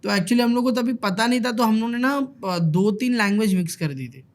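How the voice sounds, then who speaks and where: A male content creator telling animated stories in a casual chat, mixing English words into his Hindi. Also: sits high, fairly quick.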